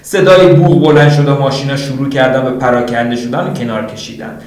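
Casting: male audiobook narrator, steady read, mid voice, distant roomy mic. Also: mid-range voice. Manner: steady, plain reading. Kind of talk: audiobook reading of a novel.

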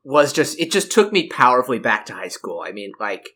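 A man's voice: mid-range voice, sing-song, fairly quick, fairly bright tone. A man in his thirties co-hosting a podcast, rambling in casual chat, mocking himself and laughing often. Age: 30s. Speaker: podcast co-host.

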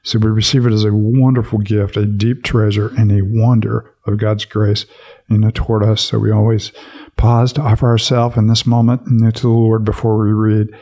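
A man's voice: fairly low pitch, flat delivery, moderate pace, dark tone. A man hosting a devotional podcast, reading scripture aloud and then reflecting on it in an easygoing way with many fillers. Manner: reflective, with many fillers when speaking freely. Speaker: podcast host and Bible reader.

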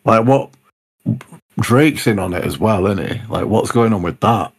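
A young man, chatting about music in relaxed, slang-filled banter. His voice is husky and a little breathy and sits low. He sounds easygoing throughout. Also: measured pace. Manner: laid-back, slangy banter. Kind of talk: casual chat about music.

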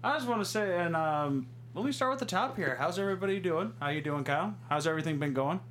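A man's voice: a little high, animated, fast, a bit bright, a little hiss or hum. A man hosting a podcast in loose, rambling casual chat. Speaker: podcast host.

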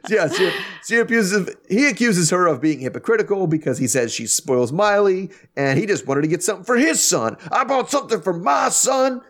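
A man's voice: high-pitched, brisk. Wry, chatty man recapping a show. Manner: animated, wry, with many restarts. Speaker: podcast host. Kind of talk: casual recap chat.

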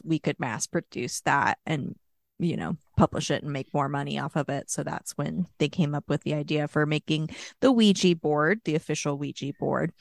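A woman with a very low voice tells a history story in a loose, chatty way, full of "like" and "uh" and small wry jokes. The sound is dry and close to the mic, with no room around it. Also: no echo. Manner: chatty, storytelling with many fillers and asides. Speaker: podcast co-host. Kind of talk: casual chat.

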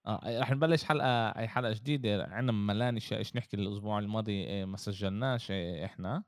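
A man with a Palestinian Arabic accent hosting a casual sports podcast, often pausing on fillers between short phrases. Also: lowish voice, no room sound, studio quality. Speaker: podcast host.

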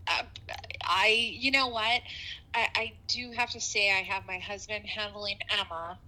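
A woman co-hosting a podcast in casual chat, heard over a low quality phone line, talking in a rambling way with restarts. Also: fairly even intonation, unhurried, pushed and bright. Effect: heard over a phone line, low quality stream. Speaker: podcast co-host. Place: home.

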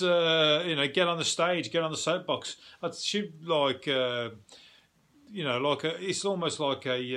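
British guy doing a solo podcast, voice a bit on the high side, sweary and rambly, casual chat. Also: fairly bright tone. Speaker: podcast host.

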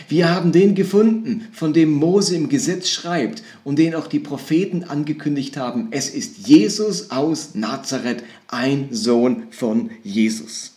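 German-speaking preacher in an echoey room. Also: male voice, medium pitch. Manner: expository, with lively quoted dialogue. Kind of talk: sermon. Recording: roomy echo.

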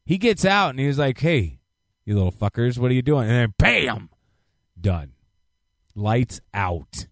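Animated, swearing man in his thirties. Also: medium pitch, unhurried, vocal fry, dry recording, clean studio sound. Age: 30s. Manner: profane, animated reactions. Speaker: podcast co-host. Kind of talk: casual chat.

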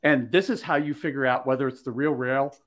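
Man telling a lively story on a podcast. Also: mid-range voice, a little fast. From Maryland. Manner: animated storyteller acting out quoted dialogue. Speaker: podcast host. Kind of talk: casual storytelling chat.

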